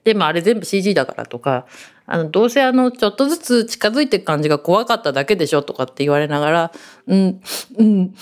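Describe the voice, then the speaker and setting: A woman hosting a radio show, telling rambling stories in a chatty, animated way. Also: fairly low pitch. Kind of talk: casual radio chat.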